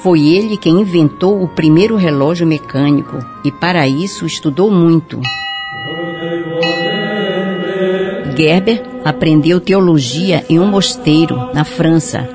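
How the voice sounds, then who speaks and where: A woman playing a kindly old grandmother who tells scripted stories to children, with drawn-out singsong phrase endings. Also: low voice, music in the background, natural voice. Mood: storytelling.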